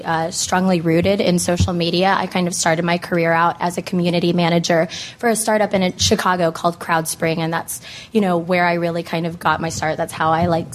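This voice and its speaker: Hoarse, low-voiced American woman moderating. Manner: casual, conversational, frequent "like" and "you know". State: hoarse from laryngitis. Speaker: panel moderator. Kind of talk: informal panel introduction to an audience.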